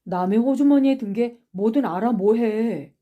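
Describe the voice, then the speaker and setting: A woman's voice: a little high, a little slow, narrow, tinny audio, lightly acted. A woman voicing a defiant, poor schoolboy who answers in curt, stubborn retorts in an audiobook reading. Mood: indignant.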